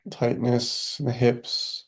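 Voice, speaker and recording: A man leads a guided meditation, speaking softly in a calm, unhurried, soothing manner with long pauses. His voice is medium pitch.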